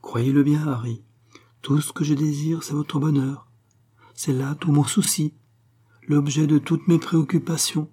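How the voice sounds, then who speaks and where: An earnest young fiancée, as a man reads her in an audiobook. She pleads and insists, her voice raised somewhat higher, soft and husky at the edges, with a mellow darkness underneath. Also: fairly even intonation, measured pace. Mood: pleading.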